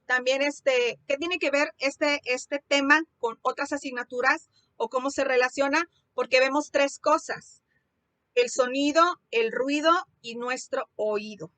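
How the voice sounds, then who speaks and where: A woman teacher explains a music lesson to her students online, in a clearly high voice. She talks through her material step by step, restarting her phrases and filling her pauses. The recording is close and dry, with no room sound. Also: fairly even intonation, fairly bright tone, no echo. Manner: explanatory, many fillers and restarts.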